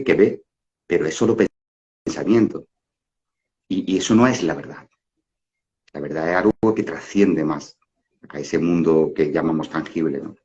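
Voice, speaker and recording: Middle-aged male speaker, casual philosophical talk, lots of restarts and fillers; deep-ish voice, lo-fi recording. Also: a little mellow. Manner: rambling, many fillers and restarts, rhetorical "¿no?". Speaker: spiritual talk facilitator. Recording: dull lo-fi audio.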